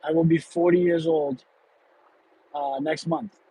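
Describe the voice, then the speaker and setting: A man in his late thirties hosts an unplanned livestream from his car while driving in traffic, chatting casually and candidly and rambling with fillers and restarts. His voice is a little high and mellow, with a sing-song quality, vocal fry and a breathy edge, and he keeps a measured pace. The recording is rough.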